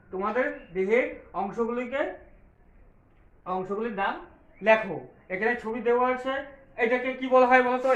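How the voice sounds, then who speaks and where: A man with a very high voice teaches young children, spelling each word out slowly and repeating it. He asks a question and answers it himself. The room around him sounds echoey and open. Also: a bit bright. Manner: spells words out letter by letter and answers his own questions; patient, repetitive, slow explaining. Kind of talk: classroom lesson for young children.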